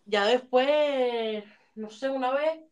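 A woman telling funny stories in a casual chat, animated and dropping English phrases in. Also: high-pitched, slow, smooth. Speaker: podcast co-host.

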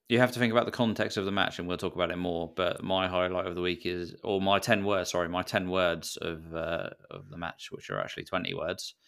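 A man's voice: sits low, a bit bright, clear, resonant tone. A man co-hosting a football podcast, playful and self-mocking. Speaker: podcast co-host. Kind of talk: casual football podcast chat.

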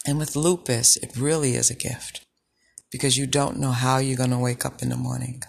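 A woman with a low, sultry voice hosting a personal podcast, speaking in a deliberate, reflective way with pauses. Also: little pitch movement, creaky, a little mellow, husky. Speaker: podcast host. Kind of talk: personal health podcast monologue.

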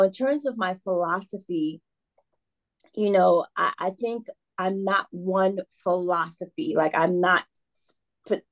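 A woman who teaches preschool, talking in an interview, earnest and enthusiastic and often checking in with "right?". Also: fairly low pitch. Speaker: preschool educator, guest. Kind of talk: casual interview talk.

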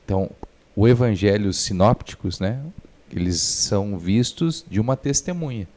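A man with a Brazilian accent, a podcast guest who explains scripture in a calm, teacherly way, step by step. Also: fairly low pitch, moderate pace. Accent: Brazilian Portuguese. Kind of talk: casual explanatory podcast chat.

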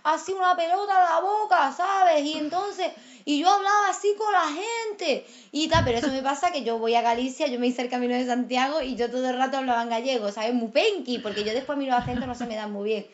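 A woman with an Andalusian accent chatting casually, a lively storyteller who laughs often and keeps saying "you know". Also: sits high, fairly quick. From Andalusia, Málaga. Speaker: guest actress. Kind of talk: casual chat. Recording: dull lo-fi sound.

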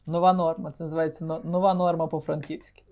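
A man's voice: fairly high pitch, little pitch movement, fast, a little mellow. A man co-hosting a podcast, playful and rambling, often stumbling and restarting his words. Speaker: podcast co-host. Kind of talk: casual joking chat.

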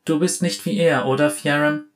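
A man's voice: fairly high pitch, steady tone, normal speed, pitched above the performer's own voice, natural voice. A man voicing a curious mechanical girl. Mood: earnest. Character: curious young mechanical girl, eager and warm.

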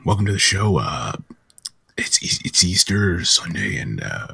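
Hushed, very husky low-voiced man. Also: big pitch swings, a little slow, dry recording. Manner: hesitant, stammering. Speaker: comedy podcast host. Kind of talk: hushed, half-whispered comic chat.

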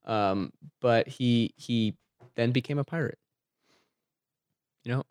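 A man's voice: mid-range voice, slow, a little mellow, clean tone, dry recording. A man co-hosting a casual podcast chat, easygoing and agreeable. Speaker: podcast co-host.

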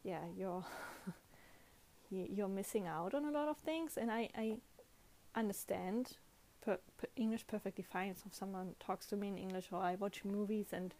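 A young German-accented woman, a non-native English speaker, hosts her podcast in a casual monologue, chatty and self-correcting with frequent restarts. Her medium-pitched, mellow voice moves at a moderate pace, and the audio quality is poor.

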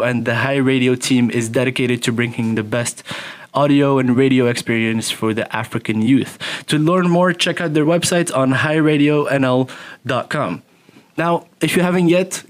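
A young man hosting a student podcast, talking in a conversational interview style. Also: mid-range voice. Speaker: student podcast host, magazine editor-in-chief.

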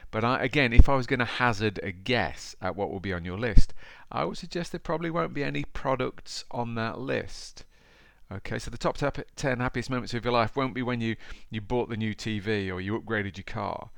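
A man's voice: medium pitch, a little fast, vocal fry, a bit bright, dry recording. A man with an East Midlands English accent hosting a podcast, talking informally and directly to the listener in a chatty motivational style. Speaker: podcast host.

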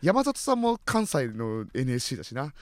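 A man's voice: mid-range voice, wildly swooping pitch, brisk, a little mellow, no room sound, clean studio sound. A man bantering as the other half of a comedy duo, firing back teasing retorts and laughing often. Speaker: comedy duo member, radio co-host.

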